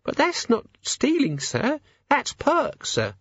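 A man's voice: huge pitch swings, slow pace, husky, dry recording, lo-fi sound, exaggerated voice. A man reading aloud and voicing a nervous young maid who stammers and speaks humbly. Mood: timid. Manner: stammering, deferential, lower-class speech.

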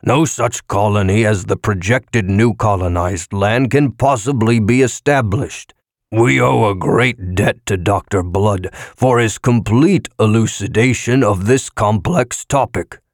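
A man voicing a pompous, weary eye-eating alien blob that talks in a slow, slurred intoning way. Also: fairly low pitch, dry recording, studio quality.

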